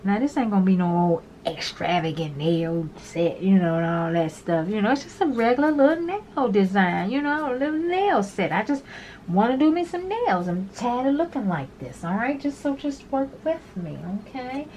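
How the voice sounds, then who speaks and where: A woman's voice: mid-range voice, very animated, moderate pace, a little mellow. A woman chatting through a nail tutorial at home, talking straight to her viewers and rambling as she repeats herself. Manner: talkative, addresses viewers as "girl". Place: small home room with an overhead fan. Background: fan hum.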